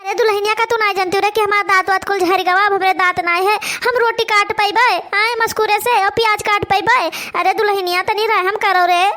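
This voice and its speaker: A woman's voice: very high-pitched, fairly even intonation, brisk, few pauses, sharp tone. A woman voicing a frail, hungry old grandmother in a cartoon, with an Awadhi accent and a whiny, pleading way of talking. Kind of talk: cartoon voice acting.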